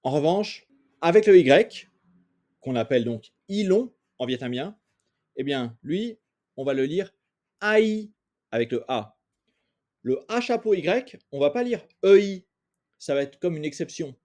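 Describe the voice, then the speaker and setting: A man's voice: on the high side, expressive, unhurried, pauses often, a little mellow. A man from France teaching a language lesson, patiently sounding out vowels and repeating each example. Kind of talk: explaining pronunciation in a lesson.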